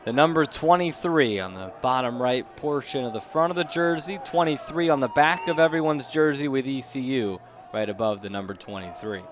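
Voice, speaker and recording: With hardly any pauses, a young adult announcer delivers baseball play-by-play at a moderate pace in a mid-range voice. He is outdoors at a ballpark during a live game, with the noisy ambience all around.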